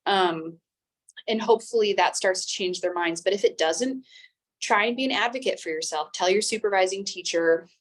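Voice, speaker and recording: A young woman in her twenties talks as a teacher and interview guest. Her delivery is calm and level, with little rise and fall. She speaks at a middle pitch and keeps a steady, measured pace. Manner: calm, even-toned speech. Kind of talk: interview conversation.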